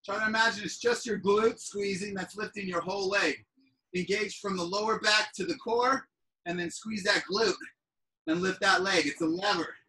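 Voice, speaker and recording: Female fitness instructor, bright forceful voice, upbeat cheerleading, workout countdowns, distant mic on a video call. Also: medium pitch, steady tone, moderate pace. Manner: upbeat, hyped cheerleading encouragement; often shouts encouragement. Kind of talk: energetic workout coaching with countdowns. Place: indoor room, live group video call. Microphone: device set back from the exerciser.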